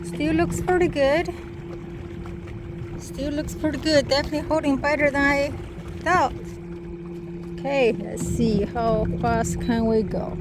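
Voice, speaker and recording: Out on a small motorboat, a woman demonstrates a product with short, broken remarks as she works on a casual hands-on test. Her voice is high, her intonation fairly even, and she speaks a little slowly with frequent pauses over boat and water noise.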